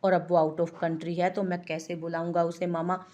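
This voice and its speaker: एक महिला कथावाचक एक शरारती, चिढ़ाने वाले युवा पति की आवाज़ पढ़ती है।. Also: female voice, on the low side, flat delivery, moderate pace, darkish tone, natural voice. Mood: teasing. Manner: teasing, mock-innocent. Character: playful young husband teasing his wife. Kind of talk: audiobook character voice.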